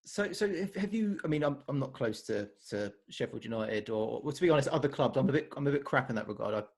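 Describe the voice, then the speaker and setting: Male podcast host, mid pitch, friendly and rambling, quick to laugh. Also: expressive, gravelly, darkish tone, slightly rough. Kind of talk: casual podcast chat.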